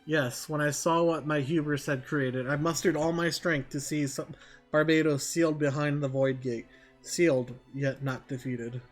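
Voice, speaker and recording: A man's voice: a little high, steady tone, normal speed, soft background music, lightly acted. Man playing a solemn, remorseful old mage. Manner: grave, formal archaic confession. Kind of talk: reading game dialogue aloud in character.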